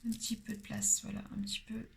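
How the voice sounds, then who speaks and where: A woman giving a casual tarot card reading. She talks in a chatty, playful way and often drops into soft whispered asides. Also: medium pitch, little pitch movement, fast talker, creaky, background noise.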